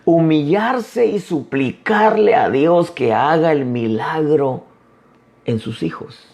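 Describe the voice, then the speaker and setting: A man preaching a sermon as an apostle, emphatic with dramatic pauses. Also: on the high side, lively intonation, gravelly, darkish tone.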